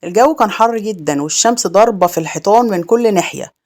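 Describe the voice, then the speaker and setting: Egyptian woman storyteller, grave dramatic narration, steady medium voice. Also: mid-range voice, quick pace.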